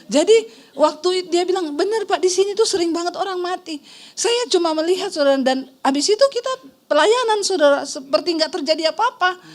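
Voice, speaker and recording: A woman's voice: very high voice, animated, fairly quick. A middle-aged woman pastor preaching a sermon, telling a personal testimony and acting out the voices in her story. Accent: Indonesian. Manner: storytelling, acts out quoted voices, addresses congregation as "Saudara".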